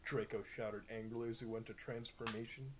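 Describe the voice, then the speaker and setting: A man's voice: mid-range voice, steady tone, a little fast, a little hiss or hum. A young man doing a mocking dramatic reading, full of sarcastic, wry asides.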